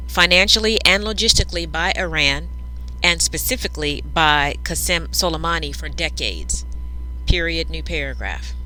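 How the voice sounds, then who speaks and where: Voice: medium pitch, bright, forceful tone, rough recording. A news reader dictating a script aloud, speaking each punctuation mark and paragraph break between the sentences.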